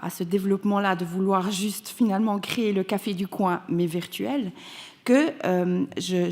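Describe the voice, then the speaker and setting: Earnest woman giving a conference talk. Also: mid-range voice. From Canada. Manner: earnest, emphatic, frequent restarts. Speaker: patient advocate speaker. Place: conference hall.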